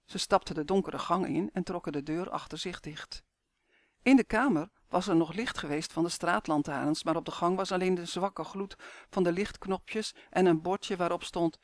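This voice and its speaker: A man reading a children's story aloud in steady, clear scripted narration. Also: sits high, no echo, clean studio sound.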